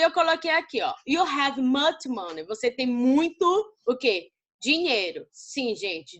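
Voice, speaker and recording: A Brazilian woman teaching an English lesson to students, explaining slowly and often checking whether they understand. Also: fairly high pitch, a bit bright. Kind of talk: recorded class lesson.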